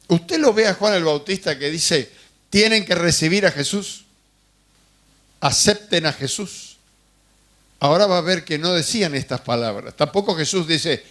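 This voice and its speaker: This preacher's voice sits high and a bit bright. Delivering his sermon, he tells stories in a conversational way and poses questions to the congregation.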